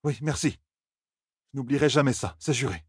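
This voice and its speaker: A man voicing a distraught young man who shouts through grief. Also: mid-range voice, expressive, moderate pace, breathy edge, no room sound, studio quality, voice pushed up. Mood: tearful.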